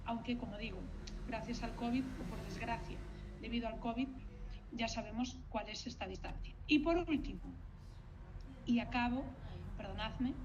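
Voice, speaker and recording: A woman's voice: fairly high pitch, normal speed. A woman from giving a lecture to future teachers, talking expressively and addressing the audience directly. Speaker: university lecturer. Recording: dull lo-fi sound with faint noise.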